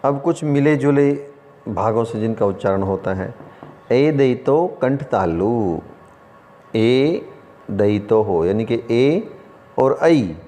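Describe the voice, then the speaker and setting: Slow, mellow-voiced male teacher in a reverberant room. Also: lowish voice, expressive. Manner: slow, explains by asking and answering his own questions. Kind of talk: online lesson.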